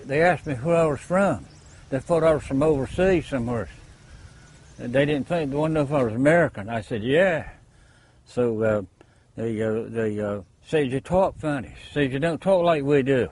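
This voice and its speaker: A man with a tells a casual story in a plain, wry way. His voice sits at an ordinary male pitch. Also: normal speed, darkish tone.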